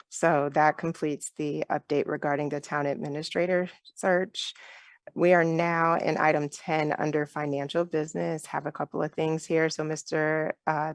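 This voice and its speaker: A woman mayor chairing a council meeting in a measured, polite, procedural way. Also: deep voice, gravelly, no echo.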